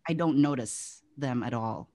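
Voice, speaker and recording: A woman's voice: very deep voice, a little slow, warm tone. A young woman from the Philippines, co-hosting a casual podcast chat, laughing often and trailing off mid-thought. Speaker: podcast co-host.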